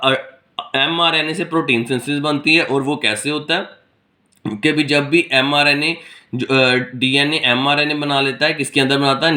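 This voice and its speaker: Bright-voiced tutor man. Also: on the high side. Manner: explains by asking and answering his own questions, many fillers. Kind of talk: recorded lecture mixing Hindi and English.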